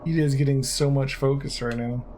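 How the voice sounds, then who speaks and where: A man's voice: mid-range voice, fairly even intonation, normal speed, noisy background. A man giving casual let's play commentary as he reacts to a video game. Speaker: game streamer.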